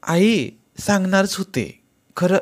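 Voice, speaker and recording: A man's voice: high-pitched, expressive, slow, pitched above the performer's own voice, full character voice. Man doing a shy young village wife. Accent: rural Marathi.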